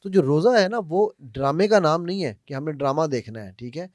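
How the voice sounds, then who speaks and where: A man's voice: on the high side, animated, darkish tone, no room sound, clean studio sound. A man giving an emphatic self-help talk on faith, often checking with "right?" and asking rhetorical questions, mixing English phrases into his speech. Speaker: motivational speaker.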